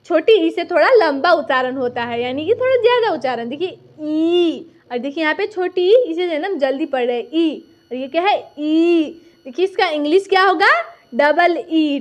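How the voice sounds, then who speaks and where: A woman's voice: high voice, darkish tone. A woman teaching a beginner lesson step by step, patiently asking questions and answering them herself.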